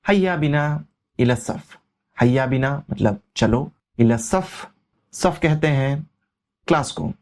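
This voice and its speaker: A man teaching a language lesson, translating each word and repeating its meaning in a steady, explanatory way. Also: fairly high pitch. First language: Urdu. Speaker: Arabic teacher. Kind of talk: explaining vocabulary line by line.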